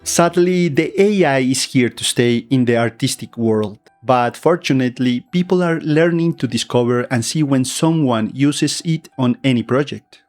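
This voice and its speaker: Male video commentator, non-native English, medium pitch, deliberate emphatic delivery, light music bed. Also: a little mellow. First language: not English. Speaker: video essay narrator, VTuber. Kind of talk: scripted opinion commentary. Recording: faint music behind. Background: background music.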